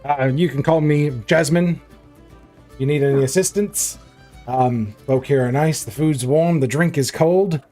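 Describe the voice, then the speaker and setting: A man's voice: a little high, a little slow, warm tone, faint music behind, lightly acted. A man voicing a large female orc tavern keeper, folksy, chatty and hospitable, in a tabletop game. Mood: welcoming, chatty. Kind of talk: tabletop role-play character voice.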